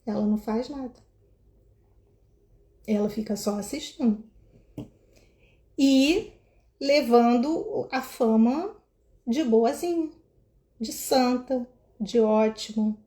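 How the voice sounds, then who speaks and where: A woman explaining relationship patterns to viewers in an animated way, pointing and acting out quotes. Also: on the high side, slow, pauses often. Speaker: emotional wellbeing educator. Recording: echoey room.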